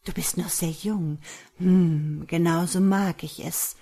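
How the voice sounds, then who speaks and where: Woman reader doing a raspy, domineering crone, low and husky, seductive menace. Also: steady tone, slow pace, dark tone, full character voice. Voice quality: rough, husky voice. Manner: murmuring and seductive, turning to shrieks. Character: lustful, vengeful witch-like crone woman.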